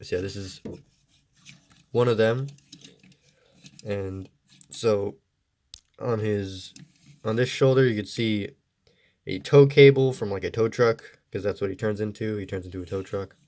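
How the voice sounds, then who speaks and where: A man's voice: on the low side, fairly even intonation, measured pace, long pauses, darkish tone. A man with a stuffy, congested voice giving a casual, meandering toy review. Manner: easygoing, meandering explanations.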